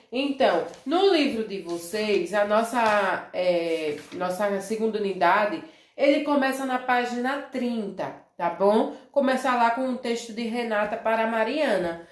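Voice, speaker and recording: A Brazilian schoolteacher talks young children through a review, slowly and patiently. She drags words out syllable by syllable and keeps asking if they follow. Her voice sits a little high and bounces around a reverberant room. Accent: Brazilian Portuguese. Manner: speaks of herself as "tia", many tag questions like "né?" and "certo?"; drawn-out syllables when modelling words. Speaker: primary school teacher. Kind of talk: slow, simple review lesson for young children.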